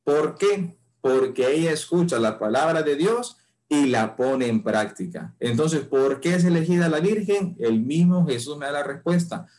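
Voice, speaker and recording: Guy preaching a bible lesson, kinda high voice, reads the verses slow and punchy, asks questions then answers them. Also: lively intonation, a little mellow. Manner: slow emphatic reading of scripture, rhetorical questions.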